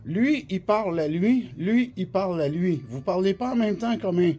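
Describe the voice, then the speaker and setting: A man with a Québécois French accent and a high, expressive, mellow voice with a breathy edge speaks at a moderate pace. He's a CB radio specialist demonstrating a product step by step, informal and colloquial, often repeating himself. He has the flu, coughs now and then, and holds the phone recording him.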